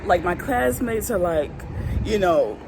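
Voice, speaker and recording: Telling a humorous story from her childhood on her vlog, a young woman laughs and does different voices in a relaxed, personal way. Her voice is lowish, animated and unhurried, with vehicle sounds clearly heard behind her.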